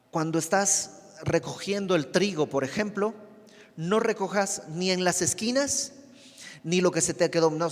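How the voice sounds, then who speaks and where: A man's voice: sits high, long reverb tail. A man with a Mexican Spanish accent teaching a verse-by-verse Bible study in a conversational way, often asking his listeners questions.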